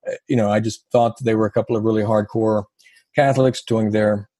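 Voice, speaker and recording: A man's voice: lowish voice, fairly even intonation, a little fast, warm tone, no echo. A man from the South, a guest telling his story in an interview with a wry, self-deprecating humor. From American South.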